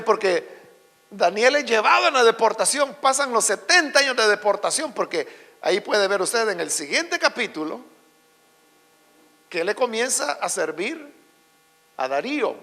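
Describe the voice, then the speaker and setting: High-voiced preaching pastor in a hall. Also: male voice, lively intonation, gravelly. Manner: preaching with rising shouts and slow stressed words. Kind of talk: sermon. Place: church. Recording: long hall reverb with mains hum.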